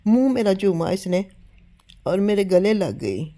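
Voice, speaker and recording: An older woman, unwell and sounding a little weak, tells a story at home into her phone camera as a home vlogger. Her mid-range voice has a dark tone and a sing-song lilt, and she speaks earnestly, often urging listeners to believe her.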